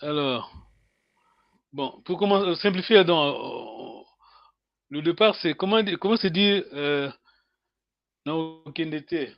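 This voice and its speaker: A man teaching a language lesson over a video call, patient and hesitant, with many pauses and fillers. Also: fairly high pitch, expressive, creaky, no echo, dull audio.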